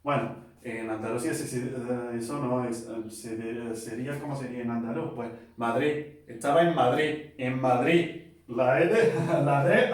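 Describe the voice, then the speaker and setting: A man giving a casual pronunciation lesson, relaxed and chatty, often checking in with his listeners and repeating sounds slowly. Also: mid-range voice, distant mic. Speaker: language teacher. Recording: echoey room, voice from off-mic.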